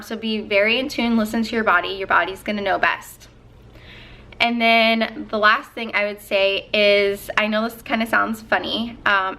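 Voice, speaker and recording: A woman's voice: medium pitch, sharp tone. A young woman vlogger talking casually and earnestly as she gives advice, with lots of ums and likes. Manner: earnest, chatty, many fillers.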